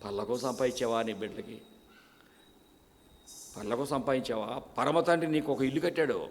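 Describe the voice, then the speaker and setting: A man's voice: medium pitch, normal speed. A male pastor preaching a Sunday sermon, firing rhetorical questions at the congregation and reciting lists in a rising chant. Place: church service. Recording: long echo of a church hall.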